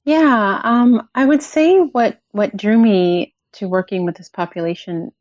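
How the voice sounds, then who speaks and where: A woman in her forties, a podcast guest, talking in a thoughtful, soft-spoken and personal way. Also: medium pitch, measured pace, no echo. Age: 40s. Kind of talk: reflective conversational storytelling. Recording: dull dry lo-fi audio.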